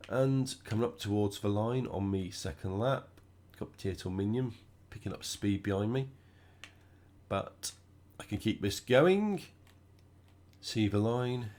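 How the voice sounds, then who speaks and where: A croaky man from the UK, clearly suffering a cold, speaks a little slowly in a fairly low voice. He hosts a gaming channel and offers relaxed, chatty gameplay commentary, thinking aloud while driving.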